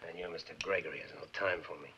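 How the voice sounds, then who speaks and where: Smooth condescending schemer, low voice, clear hiss of an old film soundtrack. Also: male voice, steady tone, rapid-fire, pushed and bright, lo-fi sound. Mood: boastful. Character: smooth boastful man, self-important schemer. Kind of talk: 1950s film noir acting.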